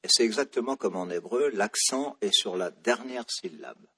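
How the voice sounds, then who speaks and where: Low husky French lecturer. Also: male voice, lively intonation, moderate pace, fairly bright tone. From France. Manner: digressive, full of fillers and restarts. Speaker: lecturer on the psalms. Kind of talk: classroom lecture.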